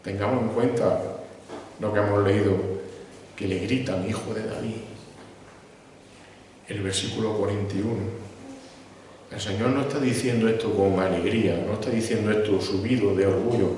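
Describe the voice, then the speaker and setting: A man's voice: fairly low pitch, steady tone, moderate pace, pauses often, a little mellow, a little hiss or hum. A man with a Spain Spanish accent preaching a sermon in a church, posing rhetorical questions and answering them himself. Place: church sanctuary. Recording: echoey hall, mic far off.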